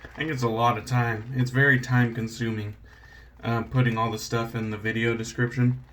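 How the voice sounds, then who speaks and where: A man's voice: medium pitch, little pitch movement, normal speed, fairly bright tone, a little hiss or hum. A man hosting a shaving channel, chatting casually and rambling while he shaves at home, joking about himself and swearing now and then. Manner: laid-back, rambling, self-deprecating, swears casually.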